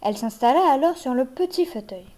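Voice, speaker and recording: A woman reading a children's fairy tale aloud in a gentle, measured way. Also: high voice, lively intonation. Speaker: narrator.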